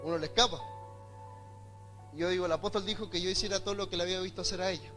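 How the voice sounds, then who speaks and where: A young man with an Argentine accent, preaching a sermon and telling a personal testimony, often building to loud, emphatic delivery. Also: high voice, steady tone, very fast, faint music behind. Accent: Argentine Spanish.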